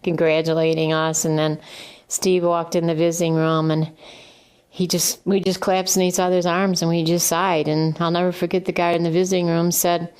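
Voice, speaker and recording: A woman's voice: fairly low pitch, little pitch movement, normal speed, darkish tone, smooth. An older woman, a mother, recounting events in a documentary interview and acting out the voices of the people she quotes. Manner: vivid storyteller acting out quotes. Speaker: mother of the exonerated man.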